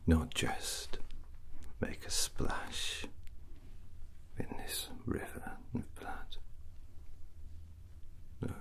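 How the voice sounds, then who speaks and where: Breathy and hushed, a man voices a brooding, drunken, scheming prince from a fantasy world for a whispered ASMR roleplay. He muses slowly and haltingly, letting long pauses hang, in a mood of quiet scheming.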